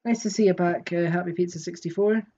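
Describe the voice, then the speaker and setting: A streamer rambles casually through a game, thinking aloud and now and then answering viewers in chat. The voice sits at a middling pitch with a warm, mellow tone. Faint music plays quietly underneath. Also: fairly even intonation, quick pace, dull audio. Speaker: live streamer. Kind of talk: casual live game commentary.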